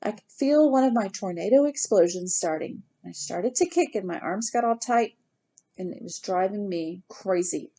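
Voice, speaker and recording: A woman reading a novel aloud in the first person, with lively, expressive storytelling. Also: mid-range voice, moderate pace. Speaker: reader.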